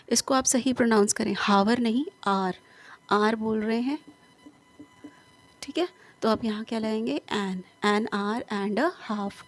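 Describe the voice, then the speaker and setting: Slightly high-voiced woman teaching grammar. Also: a little mellow. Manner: asks rhetorical questions and answers them herself; reads English examples slowly and deliberately. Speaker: English teacher. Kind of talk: explaining grammar in a lesson.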